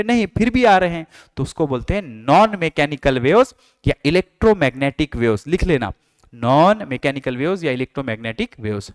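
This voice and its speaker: A man's voice: fairly high pitch, no echo. A man teaching a science lesson, mixing Hindi and English, asking and answering his own questions and playfully imitating sounds. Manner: reads English textbook lines slowly, then explains them.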